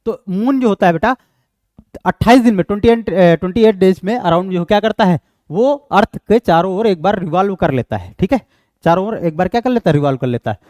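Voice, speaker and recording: A man's voice: high-pitched, expressive, darkish tone, no room sound, clean studio sound. A man with an Indian accent giving an exam-prep lecture, explaining step by step and answering his own questions. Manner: reads English question text slowly. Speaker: teacher.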